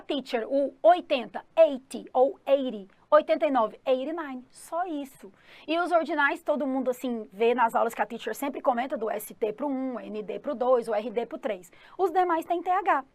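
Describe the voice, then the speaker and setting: A woman's voice: high voice, no room sound. A woman with a Brazilian Portuguese accent, an English teacher giving an upbeat exam-prep lesson who often checks in with her students and speaks of herself as the teacher. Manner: calls herself 'the teacher' in third person.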